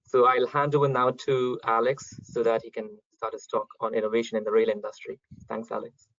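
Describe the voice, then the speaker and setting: A man's voice: medium pitch, flat delivery, brisk, fairly bright tone, dry recording. A young man hosting an online talk, introducing speakers with many ums over a computer mic. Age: young adult. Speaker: event host, chairman. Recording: dry, dull lo-fi call audio.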